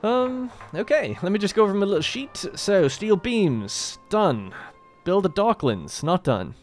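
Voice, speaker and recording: A man's voice: high-pitched, big pitch swings, a little slow, soft background music. A man hosting a let's play, talking casually and thinking aloud as he plays a strategy game. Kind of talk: gameplay commentary.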